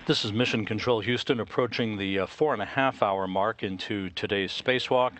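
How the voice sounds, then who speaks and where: A man with a fairly low voice delivers live commentary from mission control. He is formal and measured, with hesitations between long technical phrases. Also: background noise.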